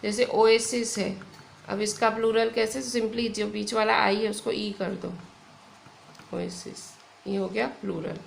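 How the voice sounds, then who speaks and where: A woman's voice: mid-range voice, level tone, vocal fry, slight background noise. A young woman teacher with an Indian accent, patiently explaining grammar in an online lesson. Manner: slow, patient explaining with frequent "theek hai". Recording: echoey room with faint ambience.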